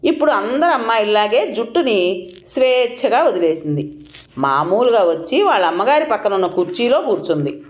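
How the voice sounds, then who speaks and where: A woman tells a first-person audio story with expressive, wry delivery, her pitch rising and falling freely. The recording carries a roomy echo. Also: fairly quick.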